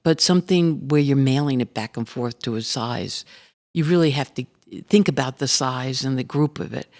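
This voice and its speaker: A woman's voice: extremely low pitch, moderate pace. Encouraging woman artist. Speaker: artist guest. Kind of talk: conversational panel talk.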